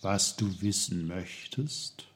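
A man voicing old, wise talking trees that speak slowly and calmly. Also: deep voice. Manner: slow, calm, murmuring.

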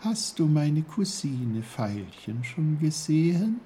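A man voicing a small, delicate female snowdrop flower, speaking softly and hesitantly in a raised voice. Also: very animated, slow, a little hiss or hum. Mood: gentle. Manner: soft, hesitant, high-pitched.

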